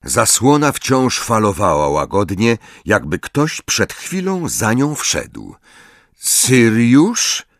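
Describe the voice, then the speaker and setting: Low-voiced man narrating an audiobook. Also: huge pitch swings, takes it slowly, hardly any pauses, a bit bright, dry recording, studio quality.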